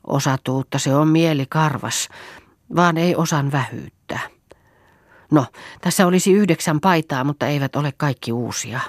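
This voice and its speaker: A woman reading the part of a motherly, homely farm mistress in an audiobook, gently bossy and fond of proverbs. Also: sits low, no echo, clean studio sound. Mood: kindly.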